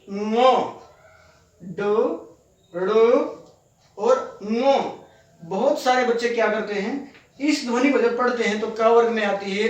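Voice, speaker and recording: A man teaching children, carefully pronouncing and repeating single sounds in a slow, deliberate classroom manner. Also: very high-pitched. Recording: echoey room, voice from a distance.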